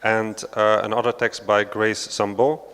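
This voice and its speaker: The Belgian man is a researcher talking to a panel audience without a script, his voice low, clear and resonant, a little slow and fairly flat in melody. He keeps stalling with "uh" and "um", restarts sentences and phrases things like a non-native speaker. Long reverb from the art centre's large hall hangs on his words.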